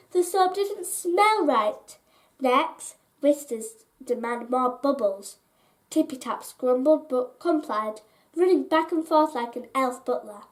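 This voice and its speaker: This is a female storyteller reading a kids' bedtime story out loud. She speaks in a high register, taking things very slowly, deliberately and expressively.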